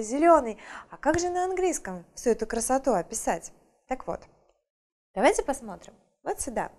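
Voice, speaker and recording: A woman with a high, bright voice gives a children's English lesson at an unhurried pace. She is patient and often checks that the children are following. She stretches out her words so they can copy the pronunciation. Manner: patient, frequently asks "да?" to check understanding; drawn-out, carefully modelled pronunciation. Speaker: English teacher.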